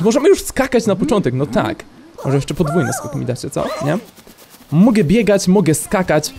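A man's voice: medium pitch, a little mellow. A man commentating on his own video game playthrough, making joking, sarcastic asides as he plays. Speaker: let's play host. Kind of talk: gameplay commentary. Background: game music.

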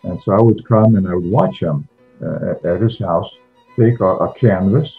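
An older man from Canada speaking as an interview guest, halting and often repeating words as he searches for them. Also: deep voice, creaky, breathy edge, narrow, tinny audio, faint music behind. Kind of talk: conversational interview.

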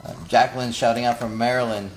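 Casual man reading viewer shout-outs. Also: mid-range voice, flat delivery, quick pace, low-quality recording. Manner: casual, reads out where viewers are watching from. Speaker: co-host reading viewer comments.

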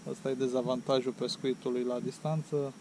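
Recorded on an action camera sitting on the bank, a middle-aged man with a mid-range voice gives casual commentary while fishing at a windy lakeshore, amid loud wind noise. He is chatty and lets out excited exclamations whenever he lands a fish.

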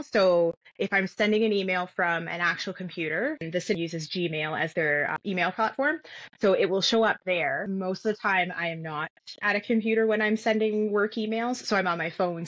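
A woman's voice: medium pitch, a bit bright, no room sound. A woman being interviewed, speaking thoughtfully and often restarting her sentences, heard over what sounds like a video call. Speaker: guest. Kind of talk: conversational interview. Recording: dull lo-fi audio.

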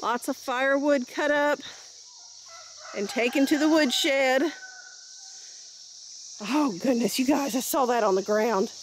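A cheerful woman in her thirties with an Ozark accent walks her farm at dusk, talking into a phone held at arm's length. Her voice sits a little high. Crickets and insects chirp clearly all around. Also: slow pace, long pauses. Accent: Ozark American. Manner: chatty, cheerful, talks to camera while walking. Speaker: homestead vlogger. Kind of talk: casual vlog narration while walking. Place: outdoors on a rural farm at sunset. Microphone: phone camera held at arm's length. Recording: clear outdoor noise of crickets. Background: crickets and insects outdoors.

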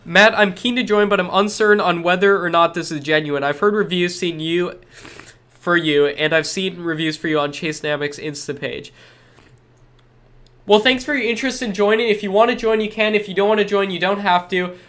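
At a normal speed and in a high, slightly bright voice, a young man with a stuffed-up cold answers chat questions he reads aloud during a live stream. He's in a small room with a lit backdrop, and his replies are upbeat, salesy, and repetitive in their reassurances.

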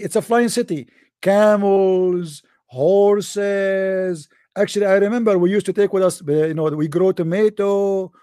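Man, sarcastic deadpan commentary, high voice, dry close sound. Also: no room sound. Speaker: host. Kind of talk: sarcastic commentary over a text.

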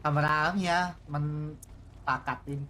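A man's voice: on the high side, fairly even intonation, normal speed, pushed and bright, slight background noise. A man talking in character as a gang member in an online role-play game, polite and loyal to his boss.

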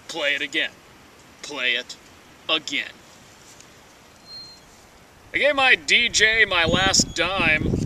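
Hammy high-voiced man reciting, slow and theatrical. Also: pushed and bright. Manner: hammy stage-actor delivery, slow drawn-out theatrical pauses. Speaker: performer of comic dramatic readings. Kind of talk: dramatic reading of song lyrics. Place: outdoors at the edge of woods. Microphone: camera mic from a few metres away. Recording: distant camera mic, wind noise.

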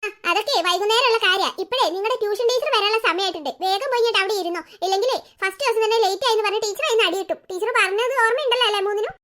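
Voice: very high voice, racing, hardly any pauses. A voice actor playing a caring but firm mother in a cartoon story, who comforts her children and sends them to tuition. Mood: motherly. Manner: warm then firmly instructing.

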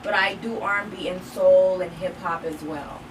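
A woman's voice: fairly low pitch, moderate pace, noisy background. A woman from Nigeria, a guest musician, talking casually and chattily in a radio studio interview. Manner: relaxed, chatty, peppered with "like". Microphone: studio mic on a boom arm. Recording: busy room with people talking, mic a bit distant.

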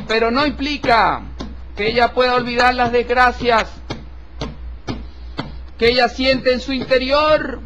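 High-voiced man reading a solemn horoscope. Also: fairly even intonation, fairly bright tone. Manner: solemn, slow and formal, addressing listener respectfully. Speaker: tarot horoscope reader. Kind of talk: horoscope reading over tarot cards. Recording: dull lo-fi recording with faint hiss.

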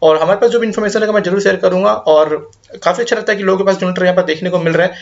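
A young man giving a casual career update in a rapid Hindi-English mix. He reassures his viewers and keeps repeating short fillers as he talks. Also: high-pitched, vocal fry, highs cut off. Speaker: career guidance YouTuber. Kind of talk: casual update video reading viewer comments.

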